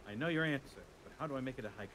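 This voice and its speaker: A man's voice: medium pitch, rapid-fire, a bit bright, poor audio. A man chatting casually as a tabletop role-player, wry and sometimes hesitant. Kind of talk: casual game chat. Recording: background noise, room ambience.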